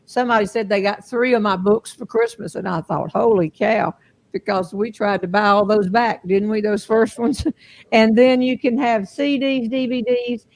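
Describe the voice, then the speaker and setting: A woman's voice: on the high side, fairly even intonation, normal speed. Chatty Southern woman host. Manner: chatty, self-amused. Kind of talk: casual chat.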